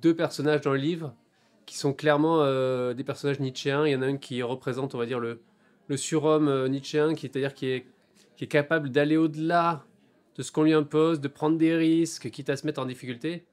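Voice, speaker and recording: A French author in his forties talks about his books during a bookshop interview, thoughtful and hesitant, with many pauses and fillers. His voice is slightly high, slightly mellow, and steady in tone.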